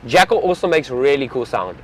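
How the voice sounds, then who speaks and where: A man's voice: medium pitch, big pitch swings, a little fast, background noise. A young man, a safari field guide, chatting casually and enthusiastically to live-stream viewers from an open vehicle outdoors.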